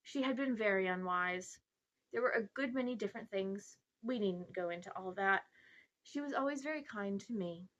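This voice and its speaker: A woman's voice: mid-range voice, moderate pace, fairly bright tone, lo-fi sound, lightly acted. A grandiose, self-important old uncle from a storybook, acted out by a woman reader. He talks down to his listener with sly evasions, like a man sure he is above ordinary rules. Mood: evasive.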